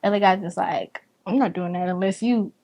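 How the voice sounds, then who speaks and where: A young woman from Los Angeles chatting casually with friends, lively and laughing, acting out what others said. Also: medium pitch, a little fast. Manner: lively, laughing, acts out quotes in a raised voice. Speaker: guest, surgical assistant. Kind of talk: casual chat among friends.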